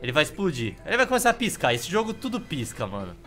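A man's voice: a little high, huge pitch swings, fast, sharp tone. A Brazilian man casually commentating a video game as he plays, with wry, offhand humour. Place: indoor room. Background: game music.

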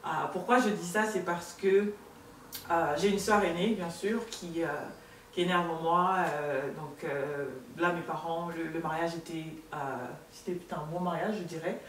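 A woman's voice: lowish voice, steady tone, moderate pace. Earnest woman sharing her story, roomy distant sound. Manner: hesitant, many restarts and fillers, earnest. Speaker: guest. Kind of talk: personal testimony in an interview. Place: studio set with sofa, indoors. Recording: roomy, distant, faint room noise.

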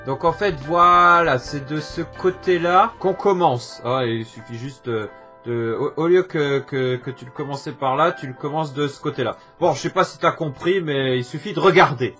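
A man's voice: on the high side, a bit bright. A young man hosting a casual game tutorial voice-over, chatty and self-mocking, full of fillers and little jokes. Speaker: gaming tutorial host.

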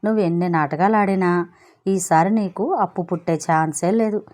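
A woman voicing Chalam, an excitable, dramatic young man who mixes in English words. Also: fairly low pitch, normal speed, natural voice.

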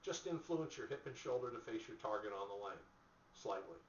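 A man's voice: on the low side, lively intonation, brisk, a little hiss or hum. A middle-aged man gives plain-spoken coaching tips in an instructional video, seated indoors and talking to a webcam. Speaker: bowling instructor. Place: small indoor room, seated in a chair. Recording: echoey room, distant mic, dull lo-fi sound.

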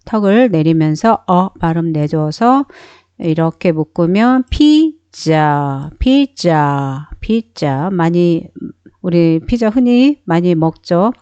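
A woman's voice: on the low side, slow pace, mellow, clean tone, dry recording. A woman teaching a beginner phonics lesson, explaining each sound step by step and repeating every word several times. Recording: dull, dry sound.

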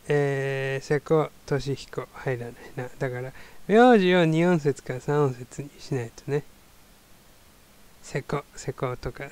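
A man's voice: mid-range voice, a little mellow. A man talking to himself in a casual solo monologue, rambling and muttering as he tries to remember things. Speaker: solo talker.

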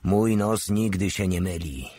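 A man's voice: sits low, a little slow, mellow, no room sound, clean studio sound. A man voicing a distrustful veteran soldier who mutters his warnings. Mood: uneasy. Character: wary veteran male soldier called the old man.

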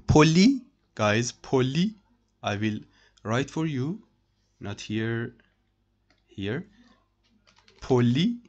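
Male French tutor, unhurried, mid-pitched, repeats and translates, typing heard. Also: darkish tone. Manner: slow, repeats each phrase and translates it. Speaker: French teacher. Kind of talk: screen-share language lesson.

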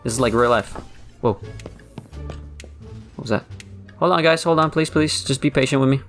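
A man's voice: mid-range voice, moderate pace, a bit bright, faint music behind. A man giving frantic let's play commentary, talking to his viewers and repeating words under pressure. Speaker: gaming YouTuber.

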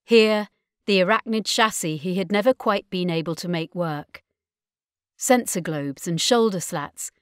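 A woman narrating an audiobook in a measured, dramatic storytelling manner. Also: mid-range voice, no echo, studio quality. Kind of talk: scripted narration.

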